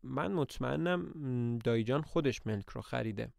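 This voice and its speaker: Worried young housekeeper girl read by a guy, earnest and a bit fed up, clear voice. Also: fairly high pitch, big pitch swings, no room sound, studio quality.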